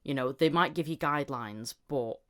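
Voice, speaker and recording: Her voice rumbles low at a normal speed. She's a podcast host in a relaxed, chatty conversation with a voice actor, frequently telling stories by quoting bits of what people said.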